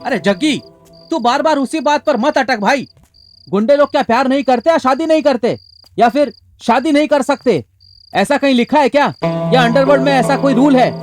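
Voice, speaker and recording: An excitable friend, voiced by a male dub actor who presses his point loudly and insistently. His voice is very high, with light film music behind it. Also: fairly quick, few pauses. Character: excitable friend urging Jaggi to marry.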